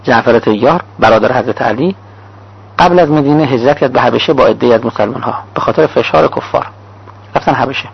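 Male cleric lecturer with a raspy voice and a dull lo-fi sound, lists examples in clipped phrases. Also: medium pitch. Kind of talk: sermon-style lecture. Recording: dull lo-fi recording.

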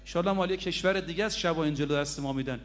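Male preacher, high register, emphatic storytelling sermon that calls out to the congregation. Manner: emphatic, addresses listeners directly. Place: religious mourning gathering.

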